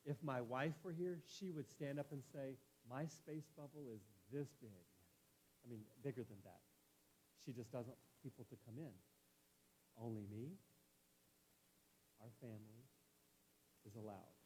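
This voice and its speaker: A man's voice: mid-range voice, measured pace, pauses often, darkish tone, a little hiss or hum, poor audio. A man in his fifties preaching a casual, conversational sermon in a church, full of folksy, playful stories about home life. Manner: folksy, anecdotal, playful asides.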